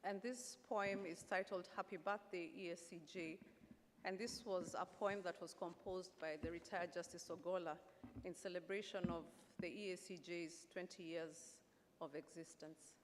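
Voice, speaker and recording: A woman's voice: on the low side, steady tone, normal speed. A woman giving a formal, polite podium speech as master of ceremonies at a conference. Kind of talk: formal event announcing. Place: large conference hall, public address. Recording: echoey hall, clear background noise.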